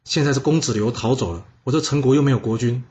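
A man's voice: medium pitch, fast talker, a little mellow, natural voice. A man doing a sly, fawning ancient prince. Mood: scheming. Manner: wheedling, sly. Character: scheming, fawning ancient prince, male adult.

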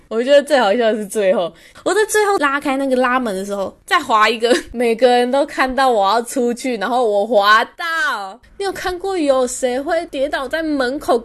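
A young woman, hosting a podcast and telling a story in a chatty, self-amused way. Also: a little high. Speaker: podcast host. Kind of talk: casual storytelling monologue.

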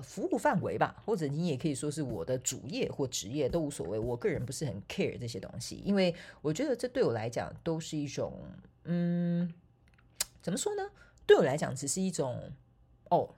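This woman speaks in a low, slightly rough and a little mellow voice with a Taiwanese Mandarin accent. A spiritual coach who teaches online courses, she delivers a relaxed, playful monologue, poking fun at herself and often laughing and using filler particles.

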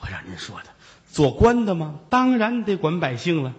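A man voicing a flattering middle-aged county magistrate who talks low and hushed. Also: normal speed, big-room sound, muffled recording. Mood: nervous.

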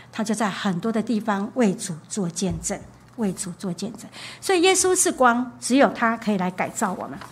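Woman, from Taiwan, church sermon, storytelling, higher voice, repeats phrases. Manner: storytelling, repeats phrases for emphasis, frequent "ha" tag. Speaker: pastor's wife preaching.

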